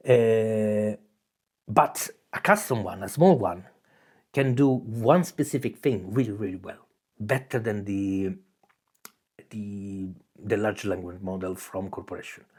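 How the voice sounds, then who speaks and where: Speaking slowly in a lowish, darkish voice, this Italian channel host explains things in a relaxed, rambling monologue. His Italian accent is clear, he often starts phrases over, and he frequently asks "okay?" to check in.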